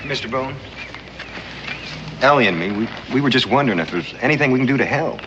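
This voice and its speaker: An actor playing a young frontier drifter's son in a 1960s TV western, earnest and idealistic, with simple rustic speech. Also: male voice, medium pitch, expressive, brisk, lightly acted. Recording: muffled, noisy old TV soundtrack.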